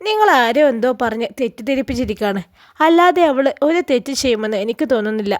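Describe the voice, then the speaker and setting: A tender mother in a family drama, anxious and pleading with her daughter, as a woman storyteller voices her. The voice is high and light. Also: very animated, fast. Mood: worried. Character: worried, tender middle-aged mother.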